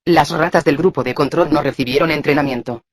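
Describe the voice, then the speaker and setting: A man's voice: on the high side, a little fast. Man reading a psychology textbook aloud. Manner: even, flat reading that voices abbreviations letter by letter. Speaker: textbook reader. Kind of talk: scripted read-aloud lesson.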